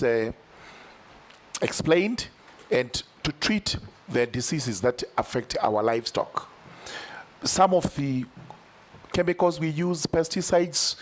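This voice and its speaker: A man on a parliamentary panel poses his questions deliberately, working through them point by point. His voice sits at an ordinary middle pitch for a man. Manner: deliberate, lists numbered points. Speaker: member of parliament on a vetting panel. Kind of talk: formal questioning in a parliamentary hearing.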